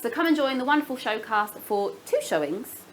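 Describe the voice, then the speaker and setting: A woman co-hosts in the upbeat manner of a cruise director. Her voice is a little high and swings around with playful, teasing enthusiasm. There is some noise behind her. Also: very animated, brisk, poor audio. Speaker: cruise ship TV co-host. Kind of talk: casual chatty live presenting. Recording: clear background noise.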